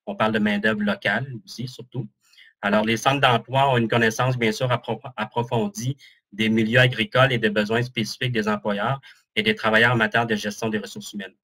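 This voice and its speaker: A man's voice: fairly low pitch, steady tone, a little fast, fairly bright tone. A man with a Québécois French accent giving a webinar presentation as an employment counsellor, chatty and joking about himself, with many fillers, speaking over a video call.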